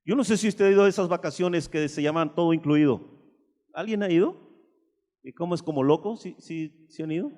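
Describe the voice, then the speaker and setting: A man's voice: fairly high pitch, a little fast, darkish tone. A man preaching a sermon to a congregation, emphatic and speaking directly to his listeners with rhetorical questions. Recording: long hall reverb.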